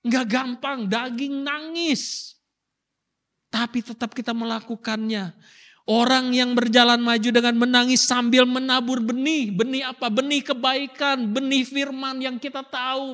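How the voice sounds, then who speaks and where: A middle-aged male pastor preaches in a strikingly high, bright voice. He keeps the sermon moving with rhetorical questions and short acted-out asides. His delivery is lively and conversational. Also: measured pace, big-room sound.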